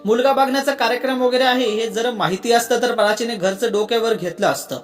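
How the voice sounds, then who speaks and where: A narrator reading a story in steady scripted narration. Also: mid-range voice, fairly quick. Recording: soft background music.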